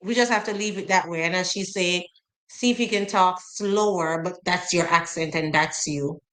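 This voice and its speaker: A woman's voice: on the low side, moderate pace, fairly bright tone, poor audio. A woman with a Jamaican accent hosting a casual interview, friendly, putting viewers' questions to her guest with some hesitation. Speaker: host, teacher.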